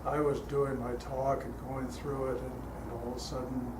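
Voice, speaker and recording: Heard from afar in a noisy, reverberant church hall, an older guest speaker guides a meditation and shares stories with the congregation. He speaks calmly at a moderate pace in a mid-range voice, easygoing and conversational, with plenty of fillers.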